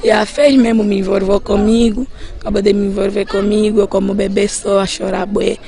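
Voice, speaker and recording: A woman with an Angolan Portuguese accent recounts a frightening night in her own words. Her telling is animated and emphatic, and her voice jumps higher and louder at the tense moments. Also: fairly quick, creaky, soft background music. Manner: animated, emphatic retelling with sudden rises in pitch and loudness. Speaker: eyewitness recounting a break-in. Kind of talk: spoken personal account.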